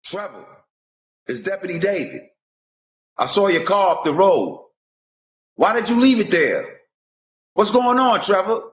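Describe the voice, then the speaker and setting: A man's voice: sits high, sing-song, a little slow, long pauses, fairly bright tone, exaggerated voice. A man reading an insistent small-town deputy. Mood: pleading. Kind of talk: amateur table read. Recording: echoey room, dull lo-fi sound.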